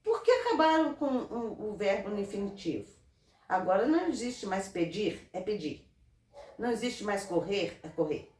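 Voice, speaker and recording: A woman from Brazil, a guest in an interview, giving earnest, animated advice in casual talk. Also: medium pitch, normal speed. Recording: roomy, from a distance off mic.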